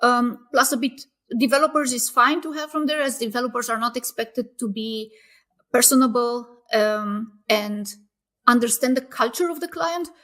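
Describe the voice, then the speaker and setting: Founder guest, female, fairly high voice, casual and reflective with lots of ums. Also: steady tone, moderate pace, bright, forceful tone. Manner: thoughtful, many fillers and restarts. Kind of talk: casual interview answers.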